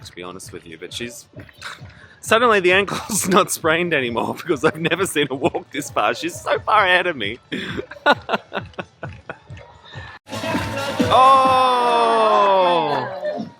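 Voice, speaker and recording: A man's voice: medium pitch, big pitch swings, brisk, bright, forceful tone, faint music behind. A man vlogging while walking outdoors through a mountain park, chatty and joking, laughing often. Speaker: travel vlogger. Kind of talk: casual vlog commentary. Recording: outdoor noise behind.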